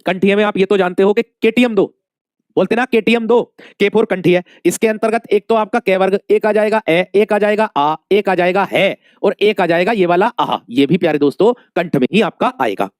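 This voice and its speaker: A male Hindi teacher with a high voice runs an exam-prep lesson at a normal speed, addressing his students as dear friends. He poses questions and repeats the answers many times, recorded in clean studio sound with no echo.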